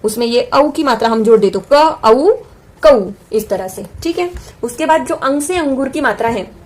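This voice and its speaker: Patient woman teacher, slightly high voice. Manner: patient, repeats and slowly stretches example sounds. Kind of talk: classroom-style lesson explanation.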